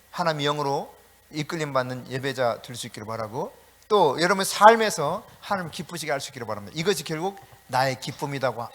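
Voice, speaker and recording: Middle-aged pastor guy preaching, high voice, tells stories, chats with the congregation. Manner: animated preaching with shouted calls; storytelling, conversational asides to congregation. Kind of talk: sermon.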